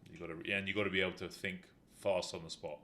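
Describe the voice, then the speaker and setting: A man's voice: low-pitched, flat delivery, fast, sharp tone, slight background noise. A man hosting a fitness talk show, explaining things in a rambling casual chat full of fillers. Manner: rambling, explanatory, many "you know" fillers. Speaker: fitness talk show host, injury rehab specialist.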